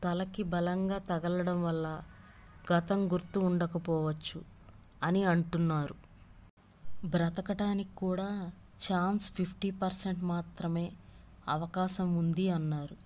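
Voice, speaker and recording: A woman voicing a middle-aged male police inspector who talks in a brisk, matter-of-fact way. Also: on the low side, fairly even intonation, a little mellow. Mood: urgent.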